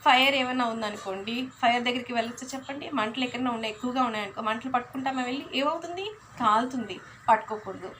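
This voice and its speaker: Young female teacher, high bright voice, coaxing, keeps checking in with the kids. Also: fast talker, a little hiss or hum. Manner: coaxing, keeps asking the class questions. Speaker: school teacher. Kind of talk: storytelling lesson to young pupils.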